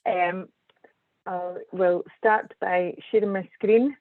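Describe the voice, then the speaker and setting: A Scottish woman, a civil engineer appearing as a guest speaker, presents a webinar over a video call. Her mid-range voice holds a steady tone, measured but hesitant with frequent ums. The online call audio sounds tinny and dry, with no echo.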